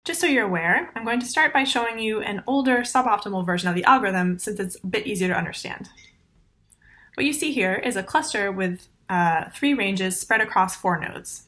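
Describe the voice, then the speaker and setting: A woman in her thirties giving a recorded conference talk over slides, explaining technical steps clearly and methodically into a laptop mic. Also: mid-range voice, lively intonation, fairly quick, bright, forceful tone. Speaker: conference presenter.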